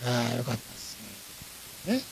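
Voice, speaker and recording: A man's voice: medium pitch, moderate pace, slight background noise. A man with a Kansai accent, hosting a podcast and animatedly telling a travel story, acting out the lines of the people in it. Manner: animated, acts out his own and others' lines. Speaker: podcast host. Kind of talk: casual storytelling chat.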